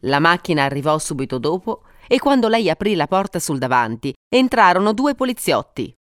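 A woman narrating a story for an audiobook, reading expressively with dramatic pauses. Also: lowish voice, no echo, clean studio sound. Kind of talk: scripted narration.

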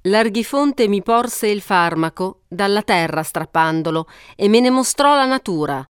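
A woman narrating an epic poem aloud in a measured, steady storytelling voice. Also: medium pitch, smooth, dry recording, studio quality.

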